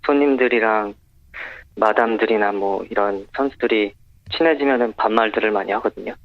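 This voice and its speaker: A man's voice comes through a voice changer that pushes it low and hides who he is. He answers in short, matter-of-fact replies. The phone line sounds dull and dry. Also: fairly quick, dry recording. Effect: voice disguised by a pitch-lowering voice changer. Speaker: anonymous witness on a phone link. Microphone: phone call.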